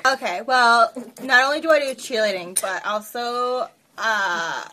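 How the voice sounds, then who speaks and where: Bright-voiced brash woman player. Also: on the high side, a little slow, slight background noise, rough recording. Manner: brash, swears freely. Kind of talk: casual tabletop game chat.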